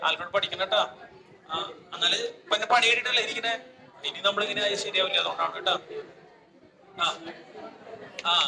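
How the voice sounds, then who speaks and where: A man's voice: high-pitched, recorded from a distance. A man with a Malayali accent teaching a chemistry class, quizzing his students, repeating questions and scolding them. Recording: echoey classroom with faint noise.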